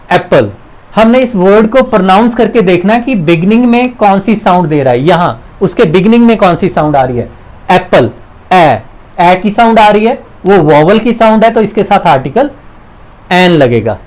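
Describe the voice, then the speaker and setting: High-voiced man teaching English. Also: a little mellow, rough recording. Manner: patient, repeats examples and asks questions. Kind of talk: explanatory lesson.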